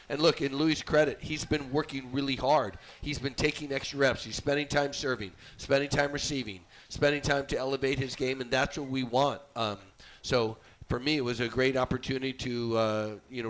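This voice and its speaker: A middle-aged man, a volleyball head coach, talking in a measured, reflective way with frequent ums and uhs in a casual interview. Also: medium pitch, fairly bright tone. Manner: measured, reflective, many fillers. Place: restaurant livestream.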